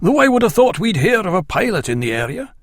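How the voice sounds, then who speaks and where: A man voicing an earnest, enthusiastic gentleman who believes in fairies. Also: high-pitched, very animated, quick pace, no echo, clean studio sound, pitched above the performer's own voice, full character voice.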